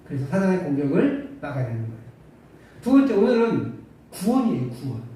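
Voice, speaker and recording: A man's voice: a little high, very animated, brisk, mellow. A male pastor preaching a conversational sermon full of rhetorical questions and dry humor, recorded in an echoey church hall from a distance. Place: church sanctuary. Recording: echoey church hall from far off, faint hiss.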